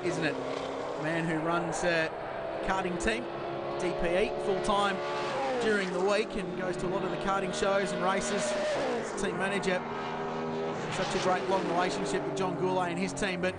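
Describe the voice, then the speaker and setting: An Australian man commentating live on motor racing in an excitable, emphatic race-calling manner. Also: sits high, moderate pace. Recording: loud race car engine noise. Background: racing cars and trackside ambience.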